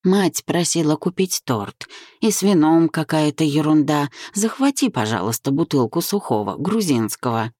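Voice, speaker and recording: A woman's voice: deep voice, animated, normal speed, warm tone, dry recording. A woman voicing a dry, stern older father who speaks with pointed emphasis, in an audiobook.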